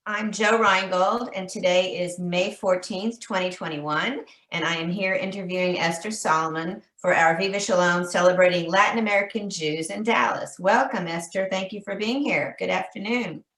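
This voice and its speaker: A woman's voice: on the low side, steady tone, moderate pace, few pauses, fairly bright tone. A woman interviewing for an oral history project, asking polite, guiding questions. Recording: echoey room.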